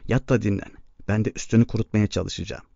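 A man reading the lines of a weary, steadfast farm mother in an audiobook, calm and caring but firm. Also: on the low side, fast, creaky, dry recording. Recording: dull lo-fi recording.

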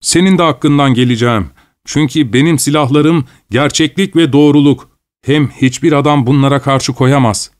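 A man doing a calm, earnest old missionary. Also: mid-range voice, moderate pace, voice pushed up, lightly acted. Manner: earnest, pleading. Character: calm steadfast older male missionary.

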